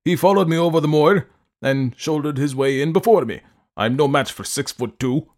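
A man voices a grumbling, malicious old male servant, pitching above his own voice while still sounding natural. The tone is fairly high and a little mellow, at normal speed.

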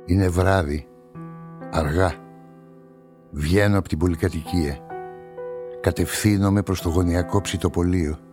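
An actor, lightly performing, voices a deep, brooding male narrator: a solitary newspaperman recounting a murder story. He is the narrator and protagonist of a radio play, delivering literary first-person drama narration.

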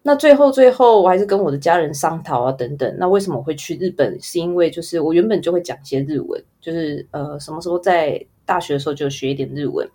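A woman's voice: sits low, expressive, fast talker, hardly any pauses, warm tone. A woman with a Taiwanese Mandarin accent answering casually in an interview, in a rambling, informal way with trailing lists. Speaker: guest, advertising photographer.

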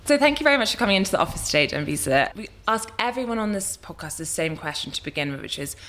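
A woman's voice: medium pitch, big pitch swings, fast, a bit bright. A woman hosting a podcast, who reads a scripted introduction of her guest and then asks questions conversationally. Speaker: podcast host.

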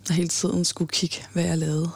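Low gravelly young woman, flat delivery. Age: 20s. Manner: halting, with many fillers and restarts. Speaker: interviewee. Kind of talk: personal account in an interview.

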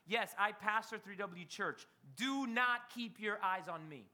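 A man's voice: high voice, measured pace, sharp tone. A middle-aged man, a pastor, preaching a sermon with dramatic storytelling and rising emphasis.

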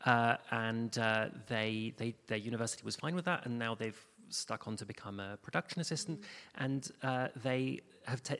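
An audio drama producer, appearing as a panel guest, tells an informal anecdote in a medium-pitched, fairly bright voice. He is hesitant and halting, restarting often. The room is an echoey hall with long reverb.

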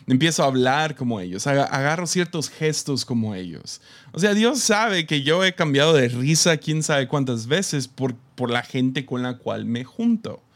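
A man's voice: medium pitch, sing-song, normal speed. A Mexican man speaking to his church in a casual, reflective talk. He laughs often and fills his speech with hesitations and restarts. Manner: chatty, laughs often, many fillers and restarts.

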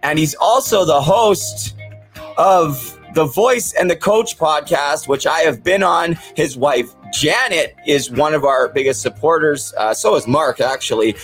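A podcast host with the toothless speech of a man missing his teeth talks casually, earnestly and plainly to his viewers. His voice is fairly high and measured in pace, with soft music in the background.

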